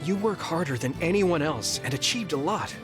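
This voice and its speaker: Over background music in the game audio, a man voices a loyal, earnest young soldier for a cutscene. His natural voice sits a little high, with lively intonation at a moderate pace, and he comes across as sincere and reassuring.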